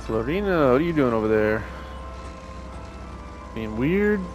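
A young man commentating as he plays a horror game, swearing often, talking to the game's characters and getting excitable when things go wrong. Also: mid-range voice, unhurried, faint music behind. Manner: profane, excitable, talks to the game. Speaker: gaming channel host.

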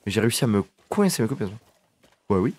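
A man giving casual gameplay commentary, excitable and swearing, chatting to his horse as he plays. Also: fairly low pitch, fast. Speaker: gaming video creator.

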